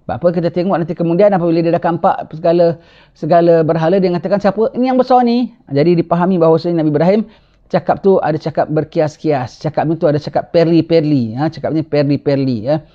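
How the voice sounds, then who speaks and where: A male religious teacher tells a story in a sermon, animated and chatty. He keeps checking in with his listeners with a quick "ha?". His voice sits a bit high, and the recording sounds dull and lo-fi. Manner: animated, tags lines with rhetorical "ha?".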